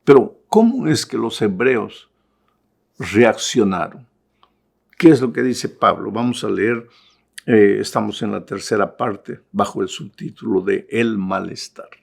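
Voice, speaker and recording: A middle-aged male pastor giving an impassioned Bible study sermon, driving points home with emphatic repetition and swinging between loud appeals and hushed tones. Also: fairly low pitch, measured pace, gravelly.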